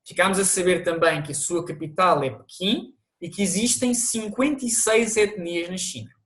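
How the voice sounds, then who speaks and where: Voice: mid-range voice, moderate pace, fairly bright tone. A teacher with a European Portuguese accent, narrating an online language lesson and explaining things to viewers, with the odd restart.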